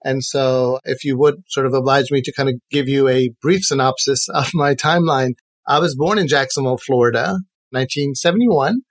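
Earnest educator from Iran, dry sound. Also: male voice, mid-range voice, no room sound. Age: 40s. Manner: earnest, measured, links ideas with "and so". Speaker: podcast guest, educator. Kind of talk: reflective interview answers.

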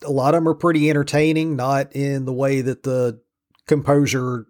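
A man speaks in a mid-pitched voice with an Appalachian hillbilly drawl. He talks casually as a solo podcast host, humble and self-deprecating in how he addresses listeners. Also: level tone, moderate pace, a little mellow. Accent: Southern US hillbilly drawl, Appalachian-like.

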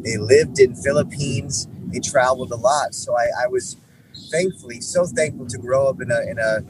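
A young man telling his faith story in relaxed conversation, rambling with many restarts. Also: medium pitch, normal speed. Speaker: guest musician. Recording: background noise.

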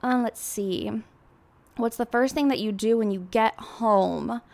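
A woman's voice: on the high side, unhurried, a little mellow. A woman in her twenties telling personal stories in a casual confessional vlog, chatty and rambling, with lots of filler words. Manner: chatty, heavy use of "like", rambling. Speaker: vlogger.

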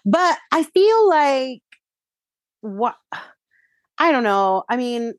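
A woman's voice: high voice, very animated, very slow, no room sound. A woman co-hosting a casual gossip chat, sassy and joking, peppering her sentences with "like". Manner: peppers speech with "like". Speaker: co-host.

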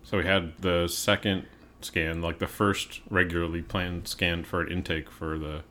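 A young man hosting a podcast in casual chat, rambling with many fillers and getting loud when emphatic. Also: deep voice, flat delivery, moderate pace, a little hiss or hum. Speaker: podcast host.

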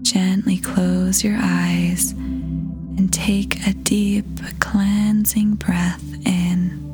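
This is scripted guided meditation from a woman whose voice is a gentle, breathy near-whisper. She keeps an even pitch and a very slow pace, pausing at length, soothing throughout, against a musical backdrop.

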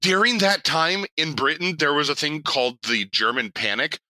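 A young man co-hosting a podcast in casual chat, animated and laughing, with quick swearing asides. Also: fairly high pitch, dry recording, low-quality recording. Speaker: podcast co-host.

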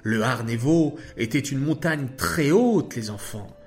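A man telling a religious story to children, animated and asking the listeners questions. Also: medium pitch, unhurried, soft background music.

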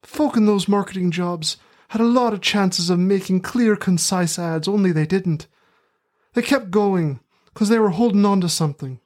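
A man's voice: sits high, normal speed, a little mellow, close to an everyday voice. Rustic English Midlands working man, acted by a male podcaster, earnest and sentimental, parody of a heroic film speech. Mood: earnest, wistful. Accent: put-on rustic English Midlands.

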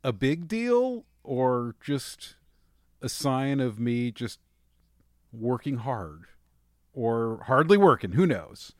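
A man's voice: mid-range voice, sing-song, slow, no room sound, clean studio sound. A man hosting a casual podcast, talking in a wry, easygoing way with some hesitation. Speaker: podcast host.

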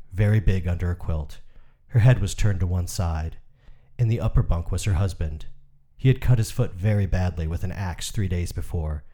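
A man narrates a literary story in a measured, even way. His voice is very low and sits on the dark, mellow side. He reads without hurry.

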